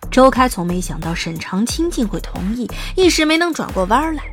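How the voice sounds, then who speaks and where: A woman's voice: a little high, big pitch swings, brisk, soft background music. Woman narrating a story, lightly wry. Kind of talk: scripted audiobook narration.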